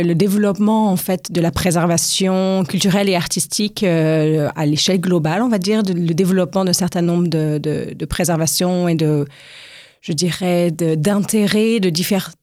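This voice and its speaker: A woman's voice: on the low side, darkish tone, dry recording, clean studio sound. A woman from France answering radio interview questions, thoughtful and hesitant, with many fillers and restarts. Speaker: guest researcher.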